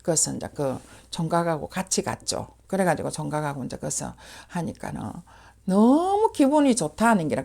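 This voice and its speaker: A woman's voice: low voice, gravelly. A woman shaman with a Gyeongsang accent, telling a story in casual chat and acting out the voices of the people in it.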